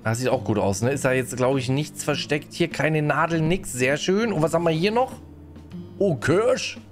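Speaking at a normal speed in a slightly high, animated voice, a man provides live commentary while streaming a game. He chats with and greets viewers, regularly tagging his remarks with a questioning "ne?", and faint music plays behind him.

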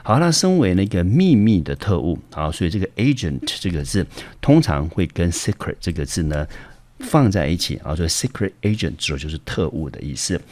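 Very deep-voiced male teacher. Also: big pitch swings, fairly quick, a little mellow. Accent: Taiwanese Mandarin. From Taiwan. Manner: patient, explains step by step with frequent fillers. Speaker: English teacher. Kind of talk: vocabulary lesson.

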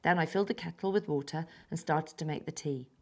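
A woman's voice: low voice, a little fast. Young girl reading her own story. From England. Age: child, about 10.

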